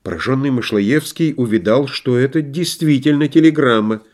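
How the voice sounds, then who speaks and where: A man reading a novel aloud as an audiobook narrator, with a measured, dramatic storytelling manner. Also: mid-range voice, darkish tone.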